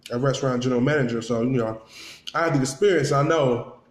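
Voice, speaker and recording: This vlogger is a fast talker with a mid-range voice, chatting to viewers over a meal and chewing between phrases. He plays out the dialogue of the people in his story and repeats himself for emphasis. The recording has a roomy, echoing quality.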